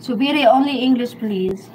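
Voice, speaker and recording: A woman's voice: fairly high pitch, normal speed, darkish tone, slight background noise, low-quality recording. A woman hosting a casual live stream from her kitchen, joking and laughing as she switches between Tagalog and English. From Bicol region, Philippines. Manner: playful, mixes Tagalog and English, laughs often. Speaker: vlog host. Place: home kitchen.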